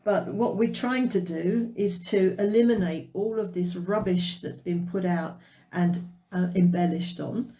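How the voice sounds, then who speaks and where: A woman's voice: on the low side, measured pace, warm tone, rough recording. A woman talking casually as a researcher in a panel discussion, thoughtful and somewhat hesitant. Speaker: paranormal researcher.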